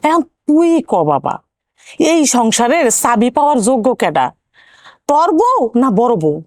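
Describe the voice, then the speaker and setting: A woman's voice: high voice, big pitch swings, moderate pace, darkish tone, no echo, clean studio sound. An actress playing an older village mother who complains bitterly and blames her fate. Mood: resigned. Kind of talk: TV drama acting.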